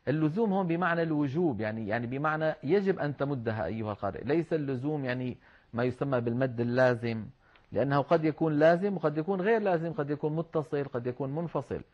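A man teaching Quran recitation rules, patiently explaining step by step and slowing down to demonstrate words. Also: fairly high pitch, animated. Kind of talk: explanatory religious lesson. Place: online class with shared screen. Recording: slightly dull lo-fi sound.

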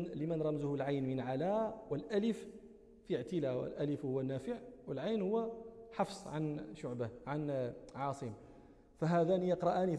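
High, mellow Moroccan teacher in a hall. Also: male voice. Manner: explanatory, corrects himself mid-sentence. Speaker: teacher of hadith. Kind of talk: religious lesson, explaining a text.

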